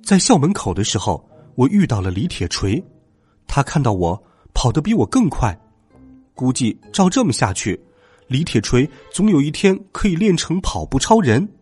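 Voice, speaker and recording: A man narrating a children's bedtime story in an expressive, dramatic way. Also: mid-range voice, normal speed, husky, faint music behind.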